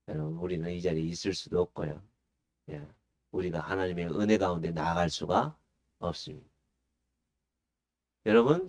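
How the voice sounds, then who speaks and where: A man's voice: low-pitched, a little mellow. A male pastor preaching a sermon. He puts questions to the congregation and answers them himself. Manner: acts out the disciples' pleading in a raised voice.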